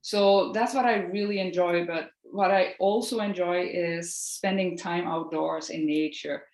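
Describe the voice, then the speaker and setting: A woman's voice: on the low side, fairly even intonation, unhurried, a little mellow. Earnest Dutch-accented woman, roomy sound. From Netherlands. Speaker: podcast guest, Reiki practitioner. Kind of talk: casual interview chat.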